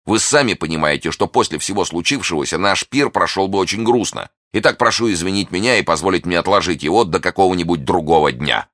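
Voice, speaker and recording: A man's voice: deep voice, expressive, fast talker, hardly any pauses, a bit bright, no echo, clean studio sound, pitched above the performer's own voice, full character voice. A man voicing an impetuous young guardsman. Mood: earnest commanding. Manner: urgent, commanding, earnest. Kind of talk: audiobook character voice.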